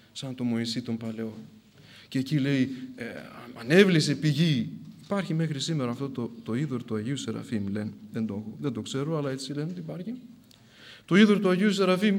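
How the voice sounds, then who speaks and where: A man with a fairly high voice preaches a sermon, recounting a saint's story as he swings between loud outbursts and hushed asides.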